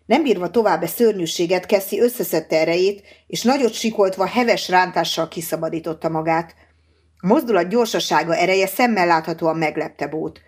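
Husky, low-voiced woman narrating a novel. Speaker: audiobook narrator. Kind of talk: scripted audiobook narration.

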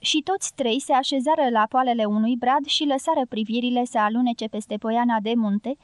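A woman narrating a novel as an audiobook reader, in an even, measured reading. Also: a little high, no echo.

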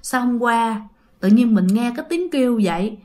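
A woman's voice: fairly high pitch, lively intonation, moderate pace, darkish tone, close to an everyday voice. A woman voicing a worried middle-aged village man who speaks with a Southern Vietnamese accent. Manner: anxious, pleading.

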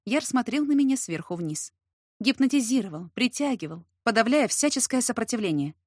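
A woman narrating a first-person romance story in a steady, expressive storytelling voice. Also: fairly high pitch, fairly quick, dry recording, clean studio sound.

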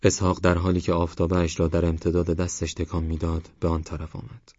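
A man narrating an audiobook in a calm, measured, even reading voice. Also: low voice, dry recording, lo-fi sound.

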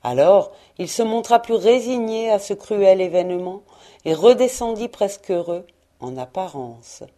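A woman narrating a classic storybook as an audiobook, in a calm and measured way. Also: mid-range voice. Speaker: audiobook reader.

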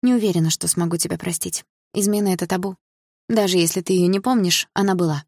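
A woman voicing a hurt, sharp-tongued teenage schoolgirl in an audiobook, with a biting, sarcastic edge. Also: on the low side, steady tone, fast talker, no room sound, clean studio sound. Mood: firm. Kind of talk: audiobook character reading.

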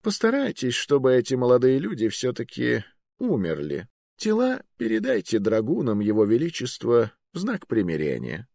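A man's voice: medium pitch, wildly swooping pitch, normal speed, gravelly, a little mellow, no echo, clean studio sound, pitched above the performer's own voice, full character voice. A man voicing an old male wizard magister who is genial, polite and coolly ruthless, with a drawling manner. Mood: mildly cruel. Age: older. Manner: drawling, mild and polite while ordering deaths.

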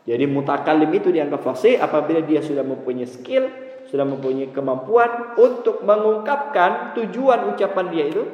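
A man gives a relaxed, humorous lecture as a religious teacher, swinging his voice up sharply when he asks a question. His voice sits a little on the high side. The recording rings with heavy echo and a long hall reverb. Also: normal speed, highs cut off. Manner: lively, joking, rising sharply on questions. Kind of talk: casual classroom lecture on Arabic rhetoric. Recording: very echoey hall.

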